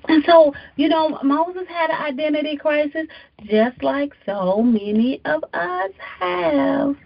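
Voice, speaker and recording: A woman's voice: sits high, slow, gravelly, highs cut off. A woman preacher delivering an emphatic, exhorting sermon, repeating phrases for effect.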